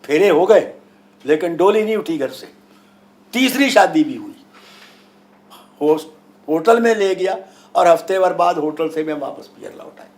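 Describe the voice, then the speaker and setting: Male spiritual teacher, slightly high voice, explaining and storytelling emphatically, repeating points for effect. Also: expressive, unhurried, long pauses, a little mellow. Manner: emphatic, didactic, rhetorical questions and repetition. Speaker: guru and astrologer being interviewed. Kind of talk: spiritual discourse with anecdotes and explanations.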